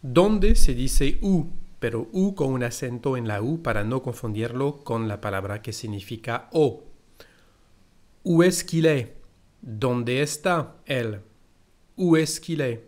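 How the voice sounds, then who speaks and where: Slow-paced French teacher, man. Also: medium pitch, expressive, darkish tone. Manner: slow, careful explanations with French example phrases. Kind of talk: language lesson.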